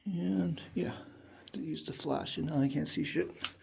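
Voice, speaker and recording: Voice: medium pitch, a little slow, creaky, noisy background. An American vlogger chatting casually and swearing a little while filming inside a small cave on a handheld camera. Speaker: hiking vlogger. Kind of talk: casual vlog chat, talking to the camera while exploring.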